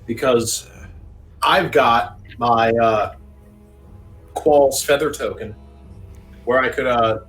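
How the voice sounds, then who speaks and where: A man's voice: mid-range voice, slow pace, long pauses, fairly bright tone, soft background music, low-quality recording. A man playing a tabletop game, asking questions and thinking aloud in a meandering way, over a remote call microphone. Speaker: player. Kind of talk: casual tabletop game chat.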